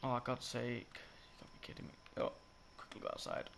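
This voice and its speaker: Here a slightly sick young tutorial maker walks through building in a game, his croaky mid-range voice swooping wildly in pitch and moving a little fast. He rambles, corrects himself often and uses plenty of fillers over loud background game effects and clicking.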